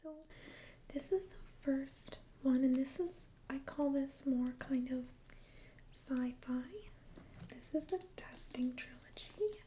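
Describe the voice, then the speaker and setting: A woman in a whispered role-play as a friendly, chatty librarian, speaking in a soft, breathy library whisper with a gentle, hesitant conversational manner. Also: high voice, slow pace, slight background noise. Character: friendly, chatty female librarian recommending books. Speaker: ASMR role-player as librarian.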